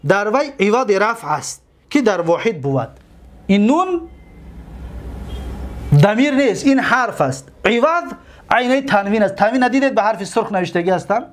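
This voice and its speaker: A man teaching a grammar lesson, explaining step by step, repeating terms and quizzing his students. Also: sits high. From Tajikistan.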